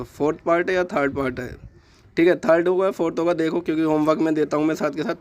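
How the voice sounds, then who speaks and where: A man's voice: fairly high pitch, a little mellow. A young man teaching a math class, patiently repeating each step and answering his own questions. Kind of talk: classroom lesson explaining homework exercise.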